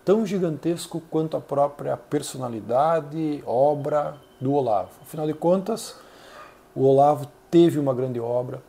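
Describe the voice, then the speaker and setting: A Brazilian man hosting a channel, giving earnest, measured solo commentary with frequent hesitations. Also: on the high side, creaky, dark tone. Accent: Brazilian Portuguese. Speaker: channel host reviewing an essay.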